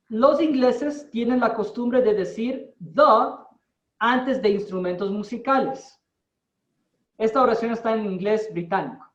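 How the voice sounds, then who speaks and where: A man teaching an English class in Spanish, explaining slowly and deliberately and checking in with his students. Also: high voice. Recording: distant, roomy, dull-sounding.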